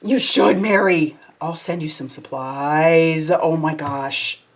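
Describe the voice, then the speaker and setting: A woman's voice: low voice, takes it slowly. A woman hosting a crafting livestream, chatting casually and reading out viewer comments as she works. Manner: chatty, reads out viewer comments, warm and effusive. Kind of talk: casual live chat while crafting.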